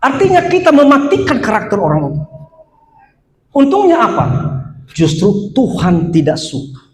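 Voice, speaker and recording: A male pastor preaching a sermon at a church service, animated, moving from loud exhortation to quiet asides. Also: very high-pitched, moderate pace. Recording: echoey church hall.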